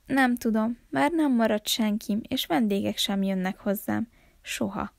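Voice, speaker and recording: A woman doing a grumbling old village man in a storybook reading, lonely and gruff, a gravelly edge, close dry sound with no room echo. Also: a little high. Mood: gentle, sad. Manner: grumbling, growls then softens.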